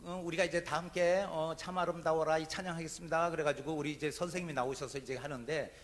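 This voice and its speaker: Korean pastor telling a lively story. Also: male voice, a little high, fast. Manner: animated, humorous anecdote telling. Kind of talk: sermon with storytelling. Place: church sanctuary.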